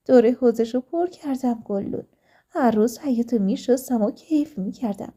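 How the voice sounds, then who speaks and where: A woman narrating a first-person life story in a calm, steady reading voice. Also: high voice, slightly rough.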